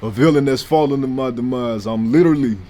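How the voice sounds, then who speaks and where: Brash young St. rapper talking. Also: male voice, mid-range voice, fast, mellow, a little hiss or hum. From St. Louis, USA. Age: 20s. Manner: brash, profane, slangy. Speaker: rapper, interview guest. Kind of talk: casual sit-down interview talk.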